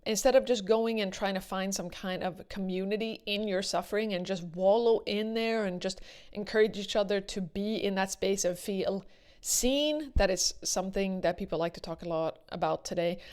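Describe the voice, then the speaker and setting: A woman's voice: medium pitch, a little mellow. Woman giving earnest, emphatic commentary. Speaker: video commentator. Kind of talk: casual opinion commentary to viewers.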